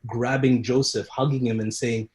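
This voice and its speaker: A man's voice: medium pitch, moderate pace. A man, a Muay Thai instructor, telling stories in a casual podcast interview and acting out the people he quotes. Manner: animated storyteller who acts out quoted people and laughs often.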